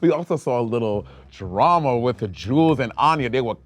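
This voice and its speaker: A man's voice: mid-range voice, expressive, fairly quick. A man hosting a casual recap chat, playful and slangy, laughing often. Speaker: host.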